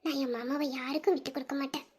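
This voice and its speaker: A woman's voice: very high-pitched, brisk. A woman voicing a young, devoted wife in a romantic audio drama, speaking in a tearful, pleading and tender way. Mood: soft, tender.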